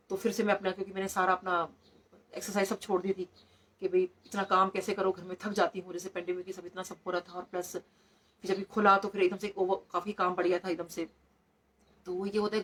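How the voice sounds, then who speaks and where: The voice is mid-range, husky and brisk, held at a level tone. She's a middle-aged doctor telling devotional stories at a satsang, weaving English words into her storytelling.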